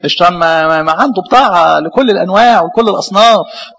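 A man with an Egyptian Arabic accent preaching a sermon as a priest, lively, with many rhetorical questions. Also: high voice, very fast, gravelly, big-room sound, poor audio.

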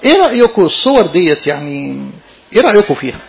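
A man's voice: a little high, racing, creaky, dull audio, slight background noise. A man with an Egyptian Arabic accent, a priest giving an interactive sermon to young listeners and keeping them engaged with questions. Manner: lively, keeps questioning his listeners.

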